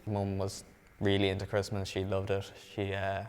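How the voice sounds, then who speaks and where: Woman in very low-pitched hesitant speech. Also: monotone, normal speed, darkish tone, smooth, big-room sound. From Ireland. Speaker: interviewee. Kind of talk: documentary interview.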